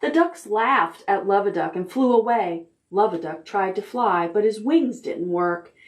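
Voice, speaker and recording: During storytime, a librarian reads picture books to preschoolers and breaks in with questions for the kids. Her medium-pitched voice is expressive, and her delivery stays gentle and deliberate.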